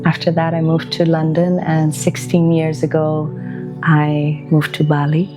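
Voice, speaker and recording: A woman in her forties from Belgium, a wellbeing practitioner speaking slowly and gently in a reflective documentary voice-over, with pauses between thoughts. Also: sits low, completely flat delivery. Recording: voice-over with music underneath. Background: music.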